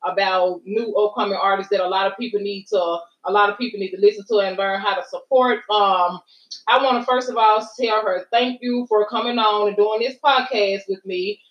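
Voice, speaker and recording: A woman's voice: mid-range voice, fairly even intonation, fairly quick. American woman podcast host, roomy and distant. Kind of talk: casual chatty interview. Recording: roomy, distant, slightly dull mic.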